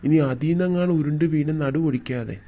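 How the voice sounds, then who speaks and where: A performer playing a mild, easygoing father who tries to calm his wife in a comedy skit. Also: mid-range voice, quick pace, close to an everyday voice. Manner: mild, coaxing, apologetic.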